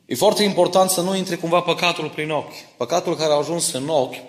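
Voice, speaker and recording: A middle-aged man preaching a sermon in church. He tells stories from his family and explains Bible verses, often asking the congregation whether they follow him. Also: a little high. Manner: personal stories mixed with Bible teaching, asks listeners for agreement. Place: church hall. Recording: echoey church hall.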